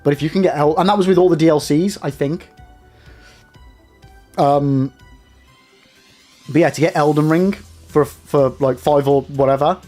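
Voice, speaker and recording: A young man chats away on a live stream, rambling and calling out to his viewers. His voice sits a little higher than most men's. Soft music plays faintly behind him. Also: moderate pace, pauses often. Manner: chatty, rambling, addresses chat directly. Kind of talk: casual live-stream chat.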